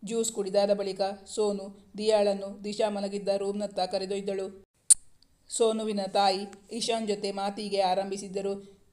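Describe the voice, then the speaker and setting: A woman narrating a romantic novel as an audiobook, calm and steady. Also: medium pitch, moderate pace. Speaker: storyteller.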